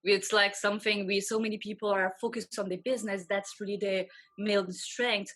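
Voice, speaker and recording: In a casual interview, a pregnant Belgian woman in her thirties who works as a financial advisor explains finance earnestly as a guest. She has a French accent and a medium-pitched, steady, slightly bright voice, and she talks quickly, often restarting her sentences.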